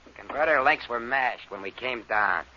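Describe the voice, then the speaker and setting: An actor playing a defiant, sarcastic spaceship engineer in an old science fiction radio drama, talking in rough slang. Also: male voice, mid-range voice, moderate pace, pushed and bright. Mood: sullen, sarcastic. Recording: dull old radio recording, faint noise.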